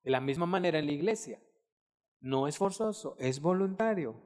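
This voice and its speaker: A middle-aged man preaching a sermon, animated, acting out quotes and breaking into loud shouted bursts. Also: a little high, moderate pace. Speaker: pastor. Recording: long hall reverb.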